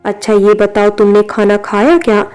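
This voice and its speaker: A woman's voice: medium pitch, flat delivery, moderate pace, clean tone, natural voice. Woman reading as a tender young elder sister. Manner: soft, affectionate. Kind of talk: storybook reading.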